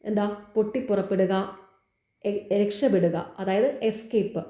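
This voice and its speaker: A woman's voice: medium pitch, moderate pace, mellow, reverberant. A woman explaining exam grammar answers as a teacher, repeating key words and asking quiz questions.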